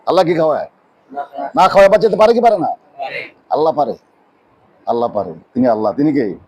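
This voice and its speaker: A man preaching a sermon in a mosque. He asks rhetorical questions and answers them himself, and drops his voice low on key words. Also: expressive, fairly quick, darkish tone, slightly rough, low-quality recording. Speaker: Islamic preacher.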